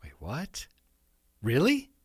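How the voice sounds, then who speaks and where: A man's voice: fairly high pitch, huge pitch swings, slow, a little mellow, breathy edge. A man co-hosting a casual podcast, laughing often and teasing with playful skepticism. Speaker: podcast co-host.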